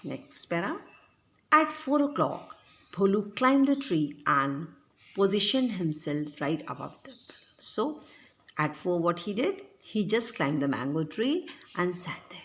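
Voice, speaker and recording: A woman, teaching a class. She reads a children's story a line at a time, then explains it in simple words and gives the characters' shouts some energy. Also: lowish voice, very animated, measured pace, a little hiss or hum. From India. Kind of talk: reading and explaining a textbook story.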